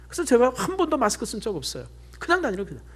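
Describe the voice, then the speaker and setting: Animated male pastor preaching. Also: very high-pitched, very fast, background noise. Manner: chatty storytelling with lively swings, drops to near-whispers. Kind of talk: sermon.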